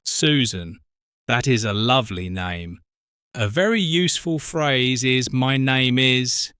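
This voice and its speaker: Slow, careful British man. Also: mid-range voice, bright, forceful tone, smooth, no echo, clean studio sound. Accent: British English. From Britain. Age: 40s. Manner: slow, careful, spells out words. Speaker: co-host of an English lesson podcast. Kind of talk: slow scripted teaching talk.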